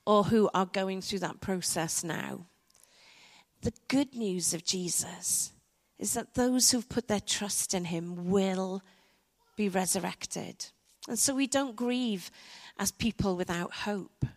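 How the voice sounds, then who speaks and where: A woman preaching a sermon to her church, reflective and measured, with soft dramatic pauses. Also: medium pitch. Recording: church hall with long reverb.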